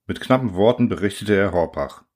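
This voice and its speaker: A male audiobook narrator with a fairly low voice reads a novel from a script, keeping to a measured, even storytelling manner.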